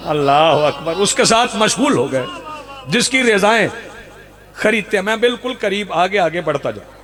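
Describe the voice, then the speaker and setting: Pakistani male preacher, high voice, rhetorical outdoor sermon with repetition. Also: expressive, moderate pace, a bit bright. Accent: Pakistani Urdu. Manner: rhetorical, repeats lines for emphasis, rouses the crowd. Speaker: Shia preacher. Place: outdoor religious gathering.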